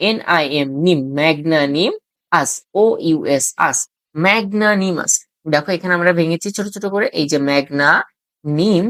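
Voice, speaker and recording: A woman's voice: medium pitch, no echo. A young woman teaching spelling, patiently repeating each word and spelling it out letter by letter. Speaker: spelling tutor. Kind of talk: online lesson for exam students.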